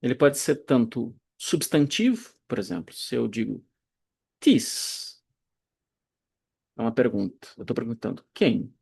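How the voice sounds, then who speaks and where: A man teaching Greek grammar in a recorded online lecture, explaining slowly and deliberately, pausing and correcting himself as he goes. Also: mid-range voice, animated, gravelly, darkish tone, breathy edge. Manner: slow, deliberate explaining with pauses and self-corrections.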